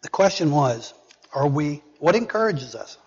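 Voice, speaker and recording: Male pastor, husky, earnest sermon delivery, dull recording from a hall. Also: on the high side, very animated, darkish tone. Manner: earnest, reading scripture aloud with pauses. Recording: dull recording with long reverb.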